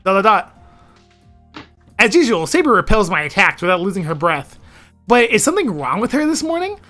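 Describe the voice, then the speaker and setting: A woman's voice: medium pitch, big pitch swings, a little fast, a bit bright, soft background music. A woman reading first-person visual novel narration expressively as narrator of a playthrough. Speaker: narrator and editor of a playthrough series.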